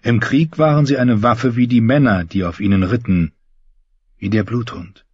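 A man reading a dark fantasy audiobook in a slow, grave storytelling manner. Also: medium pitch, breathy edge, dry recording. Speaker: audiobook narrator. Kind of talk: scripted narration. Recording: dull muffled recording.

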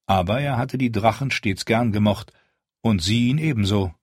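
Husky-voiced male audiobook narrator. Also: no echo, clean studio sound. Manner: measured storytelling, lowered for narration. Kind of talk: scripted narration.

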